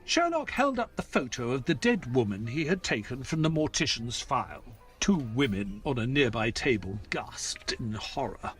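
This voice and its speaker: An actor voices an educated, polite male doctor narrating a detective tale in descriptive, scripted prose, with a measured, sombre mood. His mid-range voice is sing-song and a bit bright, staying courteous in dialogue, and faint music plays behind him. The piece mixes scripted narration with audio drama acting.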